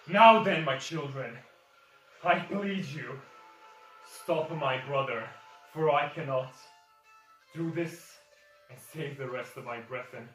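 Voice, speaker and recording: Man doing an ancient divine voice, solemn, pleading, slow, loud, echoey distant mic. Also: medium pitch, soft background music, voice pushed up. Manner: grave, pleading, drawn out.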